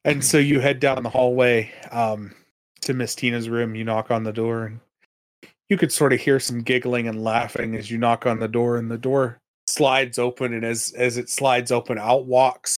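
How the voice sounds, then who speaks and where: A man's voice: medium pitch, flat delivery, moderate pace, dry recording. A man running a tabletop game as game master, narrating with many hesitations and fillers.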